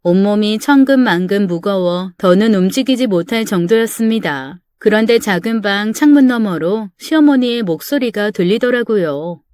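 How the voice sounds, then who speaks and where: A woman's voice: medium pitch, animated, moderate pace, hardly any pauses, darkish tone, smooth, no room sound, studio quality. Woman narrating a first-person story. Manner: plain, confiding storytelling.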